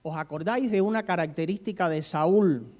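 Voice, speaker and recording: Male preacher, sermon delivery, storytelling, questions to the congregation, slightly high voice. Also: normal speed, a little mellow.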